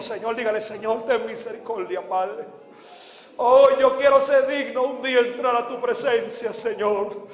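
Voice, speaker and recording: A high-pitched man preaches with fervor, leading a congregation in repetitive prayer and swinging from hushed tones to full shouts. His voice rings through a large church hall with a long, echoing reverb. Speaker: evangelist. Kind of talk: sermon and altar prayer.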